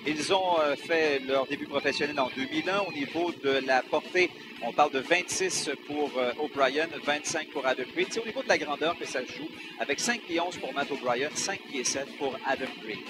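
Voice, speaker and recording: A man's voice: on the high side, moderate pace, hardly any pauses, loud music behind the voice. A man with a Quebec French accent hosting live boxing commentary from a very noisy, crowded venue. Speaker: boxing play-by-play host. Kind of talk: live sports broadcast commentary. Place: crowded club boxing event.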